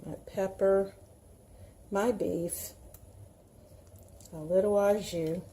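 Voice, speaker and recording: A home cooking show host from the Southern United States, a woman with a Southern accent, chats folksily with viewers during a casual cooking demonstration. Her medium-pitched voice is steady, dark, and extremely slow, with a little hiss or hum in the audio.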